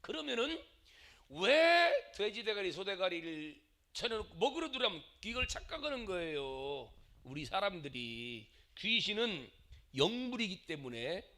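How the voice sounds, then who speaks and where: A middle-aged male pastor giving a dramatic sermon, acting out angry quarrels and swinging between loud and quiet. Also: sits high.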